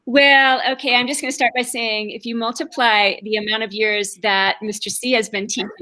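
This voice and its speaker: A woman from New Jersey, a veteran teacher introducing herself at a school meeting on a video call, excited and eager. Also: mid-range voice, poor audio. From New Jersey, USA.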